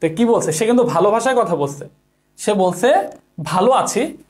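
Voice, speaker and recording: A man's voice: high voice, expressive, a little fast, darkish tone, faint music behind. A man giving an online exam-prep lecture, who asks the class questions and answers them himself, repeating key points and mixing in English words. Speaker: teacher.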